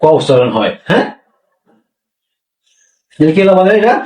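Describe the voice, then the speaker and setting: A high, sing-song male voice with a darkish tone, at normal speed, explains pronunciation rules step by step in a language class. He is repetitive and answers the questions he poses, captured from afar in an echoey room.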